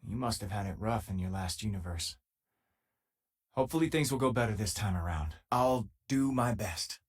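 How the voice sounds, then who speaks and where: A male actor voices an easygoing, loyal, wry space miner companion in a video game, husky and conversational. His voice is on the low side with lively intonation at a moderate pace. The mood is earnest and wry.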